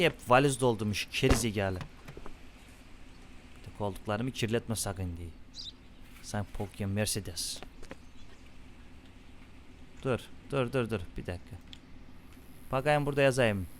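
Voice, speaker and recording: A man commenting casually on his own gameplay, muttering to game characters and often bursting into loud, irritated yelling at them. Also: mid-range voice, lively intonation, measured pace, long pauses, slight background noise. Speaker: gaming channel host.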